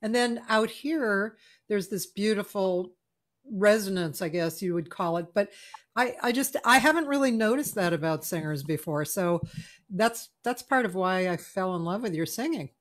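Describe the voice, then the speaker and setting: Her medium-pitched voice is animated and moves at a moderate pace. As host of an informal video-call interview from her home music room, this woman in her sixties is effusive and often gropes for words, and she uses a studio mic.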